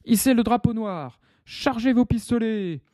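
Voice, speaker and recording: A man voicing a boastful, gruff one-eyed pirate captain who barks orders in a storybook reading. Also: on the high side, expressive, normal speed, no echo, clean studio sound, natural voice. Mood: commanding. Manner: loud barked commands.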